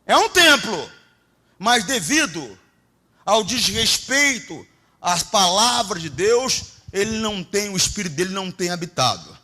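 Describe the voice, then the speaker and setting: A middle-aged Brazilian man preaching a Pentecostal sermon, swinging between shouts and low, confiding asides. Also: expressive, measured pace. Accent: Brazilian Portuguese. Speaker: pastor.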